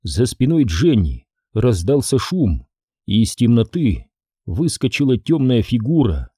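Dark husky male audiobook narrator. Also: mid-range voice, no echo, clean studio sound. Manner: steady, measured storytelling. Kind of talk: scripted narration.

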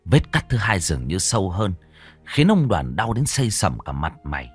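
A man's voice: deep voice, big pitch swings, moderate pace, husky, faint music behind. A man narrating a ghost story with a dramatic, varied delivery.

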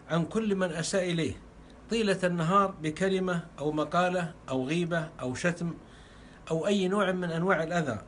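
A man's voice: a little high, fairly bright tone, slight background noise. A man delivering a fervent sermon, repeating phrases for emphasis. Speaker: preacher.

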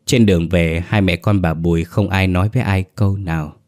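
A man reading a ghost story aloud in a steady, measured way. His voice sits very low and deep. The delivery is scripted narration.

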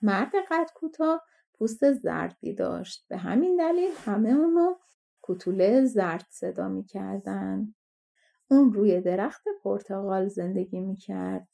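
A woman narrating a fairy tale audiobook with steady, expressive storytelling. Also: mid-range voice, gravelly.

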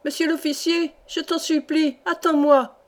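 A woman's voice: a little high, unhurried, close to an everyday voice. A woman reading aloud voices a desperate sixty-year-old peasant grandmother who pleads breathlessly for passage in a storybook. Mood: pleading.

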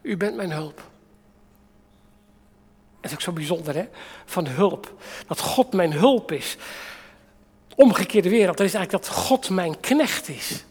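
A man preaching a sermon dramatically, acting out quotes with sudden shifts between soft and loud. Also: high voice, lively intonation, normal speed, husky. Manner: dramatic, with acted-out quotes and big swings in loudness. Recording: long reverb of a large hall.

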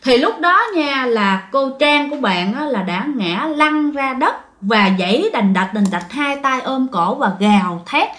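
A woman's voice: high voice, animated, measured pace, hardly any pauses, fairly bright tone. A woman telling a ghost story in a chatty way, addressing her listeners directly.

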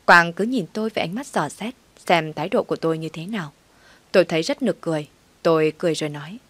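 A woman narrating a first-person story in a steady, matter-of-fact way. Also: lowish voice, fast talker, dry recording.

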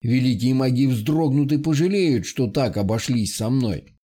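A man voicing a grim, vengeful male villain who speaks in a rough, slow growl, for an audiobook. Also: medium pitch, expressive, mellow. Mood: gloating. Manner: slow, threatening, curt. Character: grim vengeful exiled male ruler, menacing.

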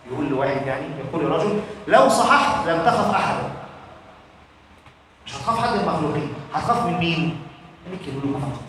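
A man's voice: a little high, a bit bright, a little hiss or hum. A man with an Egyptian accent giving an emphatic religious lesson, putting questions to his listeners and answering them himself. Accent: Egyptian Arabic. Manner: emphatic, with a colloquial preaching delivery. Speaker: religious teacher. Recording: echoey hall from far off.

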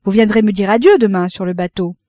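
A woman's voice: medium pitch, fairly even intonation, fast, dark tone, no room sound, lightly acted. A woman voicing a bitter young male doctor who gives clipped, curt replies, in an audiobook reading. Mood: calm.

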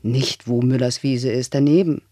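A man's voice: medium pitch, steady tone, normal speed, dark tone, no echo, clean studio sound, voice pushed down, lightly acted. A man voicing a terse, matter-of-fact father answering his son, in an audiobook reading. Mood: curt. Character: gruff, terse father of few words.

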